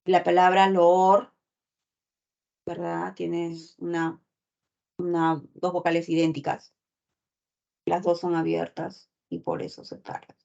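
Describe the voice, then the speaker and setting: A woman's voice: fairly low pitch, monotone, a little slow, gravelly, mellow. A woman teacher giving a class lecture, explaining step by step and checking in with constant tag questions. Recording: dull lo-fi recording.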